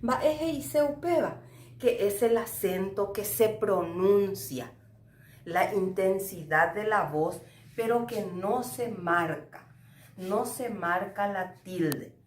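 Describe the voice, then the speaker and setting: A woman teacher from Paraguay with a Paraguayan accent giving a recorded lecture, talking in a slow, didactic way with frequent tag questions. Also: mid-range voice, expressive, roomy sound. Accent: Paraguayan Spanish. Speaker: university Guarani teacher.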